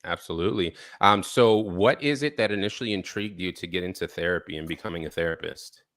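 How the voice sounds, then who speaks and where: A man with a fairly low, bright voice hosts a live-streamed interview show. He talks loosely and warmly to his audience and fills his pauses with ums and uhs. The recording is dry and close. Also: dry recording. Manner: relaxed, filler-heavy talk with frequent ums. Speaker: podcast host.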